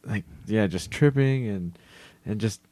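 A man with a deep voice co-hosts a sports podcast. He talks in a loose, conversational style, recorded dry without room echo. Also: measured pace, mellow. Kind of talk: casual hockey chat.

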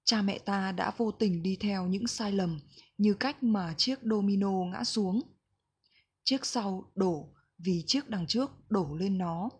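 A woman reading a reflective book passage aloud in a slow, gentle, measured way. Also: medium pitch, husky. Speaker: book reader.

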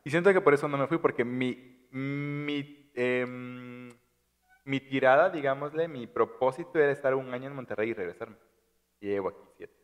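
Man chatting haltingly in a reverberant room. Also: mid-range voice. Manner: halting, repeats words while searching for them. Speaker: podcast guest. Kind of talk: casual chat.

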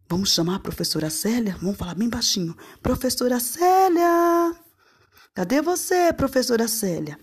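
Playful teacher talking to kids. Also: female voice, medium pitch, husky. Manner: playful, singsong, calls out to children. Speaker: preschool teacher. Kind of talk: lively talk to young children.

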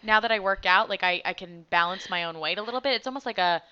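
A woman's voice: medium pitch, fast talker, smooth. A woman in her thirties co-hosting a casual podcast, chatty and laughing often. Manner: chatty, laughing, acts out quoted voices. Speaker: podcast co-host. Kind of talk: casual chat. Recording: dull lo-fi borrowed equipment.

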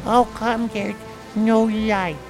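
A timid little teddy bear in a story, squeaky baby voice way up high, whining softly with eerie music and rain behind. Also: male voice, level tone, takes it slowly. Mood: scared, whiny. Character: stuffed teddy bear, small, timid and whiny.

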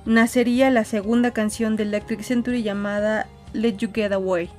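A woman's voice: fairly high pitch, fairly even intonation, moderate pace, a little mellow, soft background music. A woman podcast co-host telling a story in casual chat, hesitant, with fillers and restarts.

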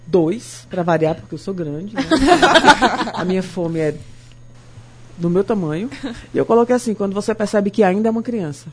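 A woman's voice: mid-range voice, normal speed. A woman who is a teacher and a mother, telling anecdotes about her son on a podcast. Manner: warm anecdotal storytelling. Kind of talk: casual chat.

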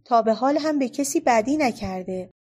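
Brief: bold playful young girl for a storybook, read by a woman, lively, bossy, bright and high. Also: husky. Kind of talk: storybook reading.

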